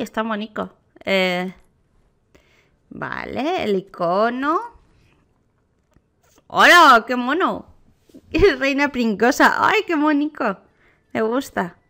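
A woman with a Spain Spanish accent, a gaming youtuber giving casual, excitable reaction commentary. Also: fairly high pitch. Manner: excitable, gushing exclamations.

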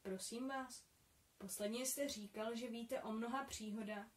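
A woman reading the part of an eager, bold young boy, in a lively storytelling tone. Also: a little high, roomy sound, recorded from a distance, lightly acted.

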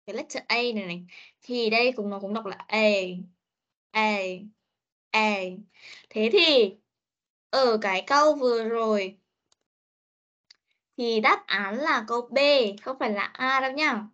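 A woman's voice: fairly high pitch, moderate pace, long pauses, fairly bright tone. A woman English teacher, giving an online pronunciation lesson and drilling each sound and word several times. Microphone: video call. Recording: muffled online meeting audio.

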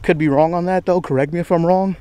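A young man in his twenties rambles through a casual vlog while hiking a wooded trail, full of slang and a touch out of breath. His voice sits a bit high for a man. The sound is close and dry, with little room around it. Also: fairly even intonation, fast, mellow, clean tone, no room sound. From United States. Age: 20s. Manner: rambling, slangy, self-deprecating, says bro a lot. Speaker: vlogger. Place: outdoors on a wooded estate trail.

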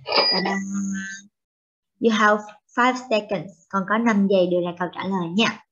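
A young woman with a Vietnamese accent, a native Vietnamese speaker, teaching children English vocabulary in a slow, drawn-out, cheerful way. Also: medium pitch, fairly even intonation, a bit bright. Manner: switches between English and Vietnamese. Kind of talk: bilingual children's vocabulary lesson. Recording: dull lo-fi recording.

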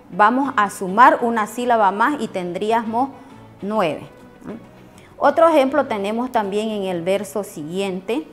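Woman teacher, slightly high voice. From Bolivia. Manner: explanatory, with frequent "¿no?" tags and "eh" fillers. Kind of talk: recorded lesson.

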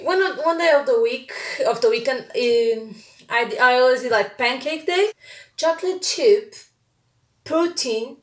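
A young Portuguese vlogger chats casually to her camera, a few feet away, in a small bright room at home, her Portuguese accent clear. Her high-pitched voice sounds reverberant, and her talk is full of fillers and restarts.

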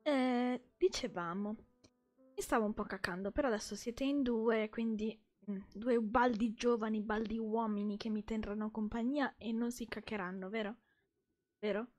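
A woman's voice: fairly high pitch, fairly even intonation, moderate pace, a little mellow, no room sound, faint music behind. A young Italian woman streaming a game, chatting playfully with her chat and laughing often. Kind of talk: casual live gameplay chat.

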